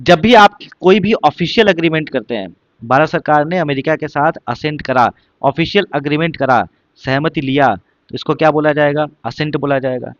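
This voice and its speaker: A man's voice: a little high, moderate pace, no echo, lo-fi sound. A male teacher giving an exam-prep vocabulary lesson, repeating points and asking rhetorical questions. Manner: repetitive, explains with rhetorical questions.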